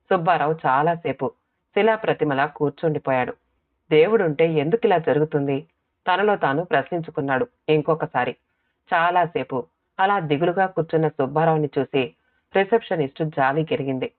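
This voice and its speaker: A steady storybook narrator at an ordinary middle pitch reads a short story, stepping into the characters' lines now and then. The sound is thin and phone-like. It is also very dry, with no room echo at all. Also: brisk. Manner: steady storytelling voice, briefly switches into character quotes. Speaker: audiobook narrator. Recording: tinny phone-like dry audio.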